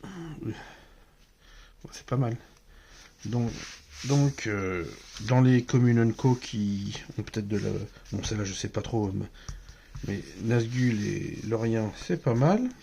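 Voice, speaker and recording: A man's voice: mid-range voice, slow pace, vocal fry, pauses often, mellow, slight background noise. A man with a French accent casually commenting while opening card packs, mumbling card names aloud as he goes. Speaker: card collector opening boosters.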